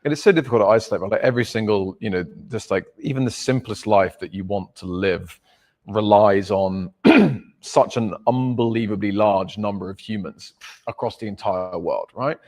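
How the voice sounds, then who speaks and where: Low-voiced rambling podcast host, man. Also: normal speed, darkish tone. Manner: rambling, filler-heavy, seeks agreement with "right?". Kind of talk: casual conversation.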